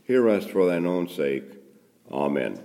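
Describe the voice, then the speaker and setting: A male pastor leading a solemn, measured liturgical prayer at a pulpit microphone in a church sanctuary. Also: sits low, big pitch swings, creaky, warm tone. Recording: long church hall reverb.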